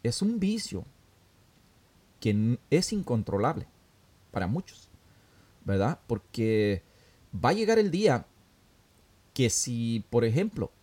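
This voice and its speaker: A man's voice: medium pitch, big pitch swings, slow pace, long pauses, a little mellow, husky. A man hosting a talk show, giving earnest advice in a casual, filler-laden way. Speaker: radio talk host.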